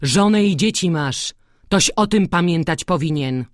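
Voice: mid-range voice, lively intonation, a little slow, dry recording, clean studio sound, lightly acted. A reader voicing a stern older male village priest who lectures and admonishes, in an audiobook. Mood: scolding.

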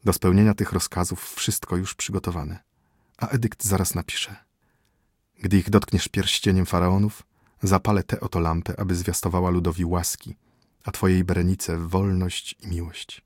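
A composed older high priest speaks slowly and deliberately, as a man puts him on. The voice is low and husky. The recording is dry and close. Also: little pitch movement, darkish tone, no echo. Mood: measured. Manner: measured and slow. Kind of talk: audiobook character voice.

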